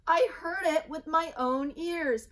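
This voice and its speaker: A woman voicing an excitable, panicked little female chick in a storybook, with emphatic, drawn-out alarm. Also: very high-pitched, voice pushed up. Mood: insistent, dramatic.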